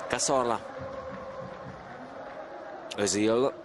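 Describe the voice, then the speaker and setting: A Hungarian man giving excited live football commentary, ready to break into shouts at key moments. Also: medium pitch, noisy background.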